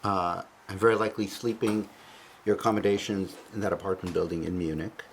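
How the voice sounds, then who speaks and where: A man interviewing someone with careful, halting questions in measured phrases. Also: low voice, steady tone, a little hiss or hum.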